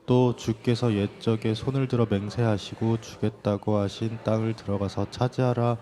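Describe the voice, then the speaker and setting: A man reading scripture verses aloud in a steady, measured way. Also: on the low side, slight background noise.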